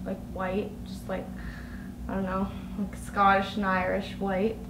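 A woman's voice: mid-range voice, monotone, unhurried, gravelly. A young woman co-hosting a couple's video, chatting casually and giggling, with lots of "like". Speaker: co-host of a couple's channel. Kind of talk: casual chat. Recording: echoey room with noise.

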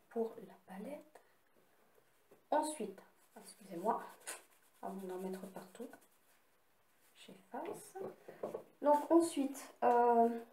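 A woman's voice: a little high, dark tone, slight background noise. A woman casually showing and swatching eyeshadow palettes she bought, chatty with little apologetic asides. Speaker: beauty vlogger. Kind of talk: casual makeup haul with swatches. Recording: echoey room.

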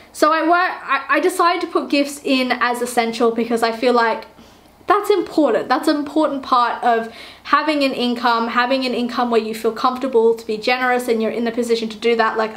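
A woman's voice: a little high, fairly bright tone. A woman vlogging casually to camera, chatty and upbeat, correcting herself as she goes, tired and a little worn in the voice. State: tired, losing her voice. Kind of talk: casual talking-to-camera vlog.

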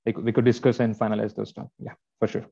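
A man's voice: on the low side, flat delivery, quick pace, gravelly, warm tone, husky. A man asking technical questions on a video call, hesitant and full of fillers, politely agreeing. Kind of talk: casual technical discussion. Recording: dull lo-fi call audio.

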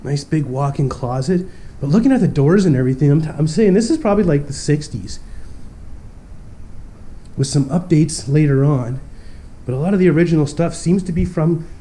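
An urban explorer vlog host, a young man with a stuffy cold, narrates a casual tour of an empty abandoned mansion, upbeat and constantly calling his viewers "guys." His voice sits on the high side with a dark tone, at normal speed.

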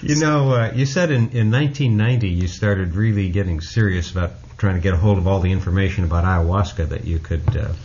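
A man hosting a podcast, responding to his guest in a measured, reflective way with frequent fillers. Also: low voice, steady tone, a little mellow, dull audio. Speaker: podcast host. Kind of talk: casual interview chat.

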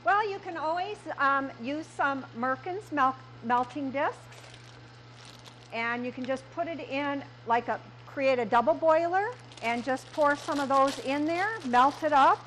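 A woman's voice: high-pitched, measured pace, fairly bright tone, slight background noise, rough recording. A middle-aged woman, a candy shop owner, walking through a recipe step by step in a small kitchen, with frequent fillers. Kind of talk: cooking demonstration.

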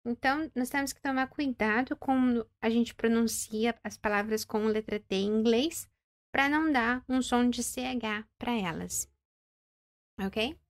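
A woman's voice: on the high side, dry recording, studio quality. A woman in her thirties teaching an English pronunciation lesson, carefully repeating words and checking in with "ok?". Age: 30s. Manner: slow, careful modelling of English words, frequent "ok?" check-ins.

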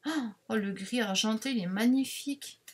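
A woman chatting to her viewers while unboxing craft supplies, rambling, excitable and quick to apologize. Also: on the high side. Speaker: craft vlogger unboxing a parcel. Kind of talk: casual unboxing chat to viewers.

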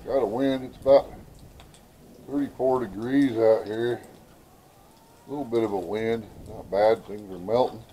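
In a snowy farmyard, a folksy, middle-aged American homestead vlogger talks to his handheld camera at arm's length and to his birds. He sounds on the low side and dark, steady and a little slow, with long pauses. Clucking birds fill the noisy outdoor camera audio.

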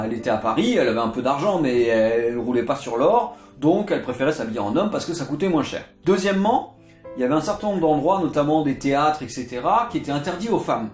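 Man, casual lecture, digressive, echoey room, soft guitar music. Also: medium pitch. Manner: chatty, digressive, jokey asides. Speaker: literature video host.

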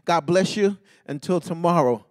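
A man pastor leading a fervent intercessory prayer, ending nearly every phrase with a call to God, rhythmic and half-sung, rising to shouts. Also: on the high side, moderate pace, no room sound, studio quality.

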